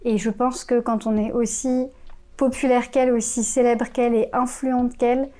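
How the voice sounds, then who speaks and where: A woman's voice: on the high side, little pitch movement, moderate pace, mellow. A young woman from France with a French accent, chatting casually about books, with many fillers and self-corrections. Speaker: book youtuber. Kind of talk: casual chat.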